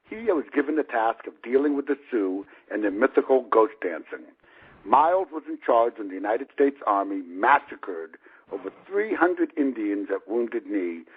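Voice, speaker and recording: A husky, somewhat low-voiced man in his fifties delivers the prologue of his own book, sounding wry and conversational. The narration comes through muffled, as if from a lo-fi radio.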